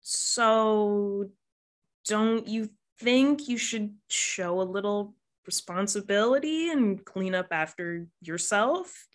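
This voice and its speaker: A woman's voice: medium pitch, slow, natural voice. A woman voicing a responsible, weary adult cousin, patient and mildly exasperated.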